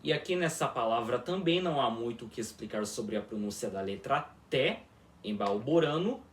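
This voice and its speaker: A man teaching a formal video lesson on an invented language, repeating words slowly and often checking that listeners follow along. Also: medium pitch, lively intonation, slight background noise. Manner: slow, repetitive, checks in with listeners constantly. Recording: echoey room, voice from far off.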